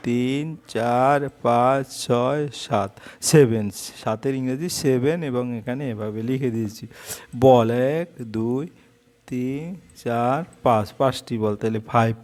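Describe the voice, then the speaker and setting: A man teaching a lesson. He counts aloud slowly, explains patiently, and mixes English phrases into his explanations. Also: mid-range voice, fairly even intonation, a little mellow. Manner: switches between Bengali and English phrases.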